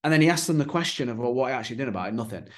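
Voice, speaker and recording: A man's voice: medium pitch, animated, very fast. A man hosting a casual podcast conversation as a fitness business coach, talking bluntly and swearing freely.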